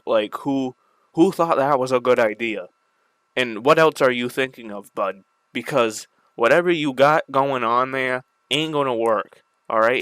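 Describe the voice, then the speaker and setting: A man's voice: medium pitch, fairly bright tone, no room sound. A man ranting casually about video games, annoyed and swearing freely, with a slight lisp from the retainers he is wearing. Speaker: gaming video creator. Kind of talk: casual rant to camera.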